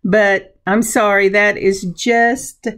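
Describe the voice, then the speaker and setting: A woman with a gravelly voice gives casual hands-on craft instruction, chatting and narrating her own steps in an unhurried way. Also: medium pitch, level tone, fairly bright tone. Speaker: craft tutorial host.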